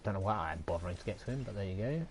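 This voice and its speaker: Sarcastic streamer, low voice. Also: male voice, animated, very fast, a little hiss or hum, low-quality recording. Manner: sarcastic and sweary. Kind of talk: casual gaming chat.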